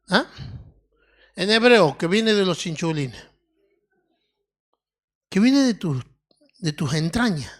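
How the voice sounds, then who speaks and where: A woman with an Argentine accent preaching a sermon in a deliberate teaching tone, often checking in with her listeners. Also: mid-range voice. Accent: Argentine Spanish. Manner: deliberate, teaching tone with frequent questioning "mm?" tags.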